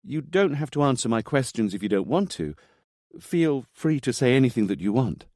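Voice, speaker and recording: A man voicing a sharp, sarcastic female TV journalist with a dry manner. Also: mid-range voice, sing-song, normal speed, no echo, voice pushed up, natural voice. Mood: polite.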